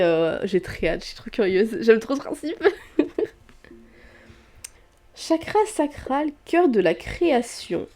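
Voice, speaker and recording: Chatty young woman, mellow voice. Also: medium pitch. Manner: chatty, hesitant with many fillers and restarts. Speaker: book vlogger. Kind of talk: casual vlog chat. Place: indoor room with street traffic outside.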